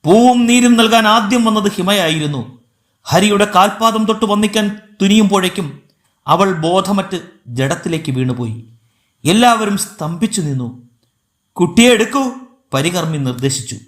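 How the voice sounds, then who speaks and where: A man narrates a novel with dramatic, emotional expression. His voice sits high and moves with lively swings of pitch. The recording has the echo of a bare room. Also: moderate pace. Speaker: audiobook narrator. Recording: echoey room.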